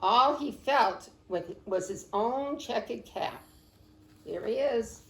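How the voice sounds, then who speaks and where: A woman librarian reading a picture book aloud to children, expressive and unhurried, praising the kids by name. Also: a little high. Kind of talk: storytime read-aloud. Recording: roomy echo.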